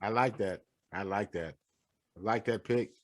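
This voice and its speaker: A man co-hosting a sports talk show, animated and repetitive as he runs through picks. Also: fairly low pitch, moderate pace. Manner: animated hype, repeating words and phrases.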